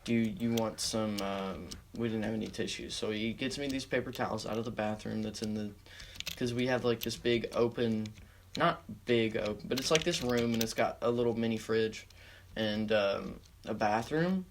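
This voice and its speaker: A man's voice: fairly low pitch, normal speed, background noise. A teenage boy telling a story in a casual storytime narration, rambling with heavy swearing and many fillers. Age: teens.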